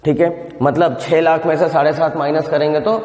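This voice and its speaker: A man's voice: fairly high pitch, flat delivery, brisk, a little mellow. A male commerce tutor giving a recorded video lecture, explaining step by step and often asking his students questions, mixing Hindi with English terms. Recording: echoey room with long reverb.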